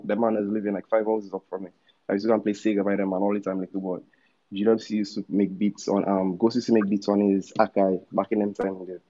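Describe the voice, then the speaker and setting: A Dominican man in his thirties, a musician guest, tells his story in a relaxed, casual interview sprinkled with slangy asides. His Dominican-accented voice is on the low side with a dark tone, and the sound is lo-fi.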